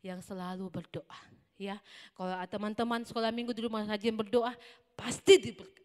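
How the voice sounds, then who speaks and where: A woman teaching a children's Sunday school Bible lesson in an animated way, quizzing the children with questions. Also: mid-range voice, normal speed. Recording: long hall reverb.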